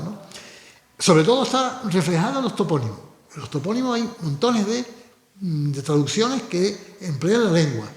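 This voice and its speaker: A man with a Canarian Spanish accent presenting his book, explaining at length with frequent restarts and asides. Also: fairly high pitch. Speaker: book author. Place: cultural centre hall. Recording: echoey hall recording.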